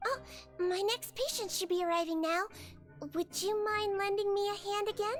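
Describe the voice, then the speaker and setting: A woman voicing a small, gentle, matter-of-fact female nurse creature with a childlike voice in a video game. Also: very high voice, steady tone, normal speed, faint music behind. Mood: earnest. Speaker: doctor.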